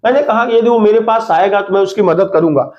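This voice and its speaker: A young man teaching English grammar in a Hindi-medium lesson, who explains slowly and repeats example sentences word by word. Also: high-pitched, highs cut off. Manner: addresses students as "beta".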